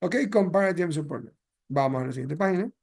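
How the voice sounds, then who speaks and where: A man's voice: fairly high pitch, expressive, quick pace, darkish tone, breathy edge. A male English teacher explaining grammar patiently to a class, switching between Spanish and English.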